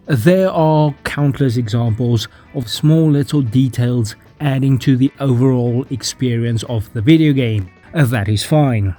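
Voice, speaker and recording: Deadpan, dark-voiced male gaming commentator. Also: mid-range voice. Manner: deadpan mock-dramatic delivery; profane, casual aside. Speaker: gaming YouTuber.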